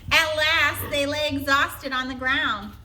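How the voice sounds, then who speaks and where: A woman teacher reads picture books and chapter books aloud, with expressive phrasing and chatty asides. Her voice is high and bright and unhurried. The recording has a roomy echo. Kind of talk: storybook read-aloud.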